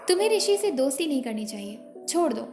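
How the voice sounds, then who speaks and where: A woman reading a hot-tempered young schemer in a story, snapping his words with sharp anger. The voice sits higher than most men's, over soft background music. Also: big pitch swings, fast. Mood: angry. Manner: angry, sharp retorts.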